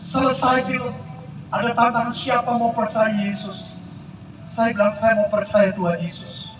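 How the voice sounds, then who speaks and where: A man's voice: extremely high pitch, little pitch movement, measured pace, over music. An older man giving a dramatic testimony sermon, telling his story straight to the crowd at an outdoor field event. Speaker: preacher. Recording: echoey PA sound from far off.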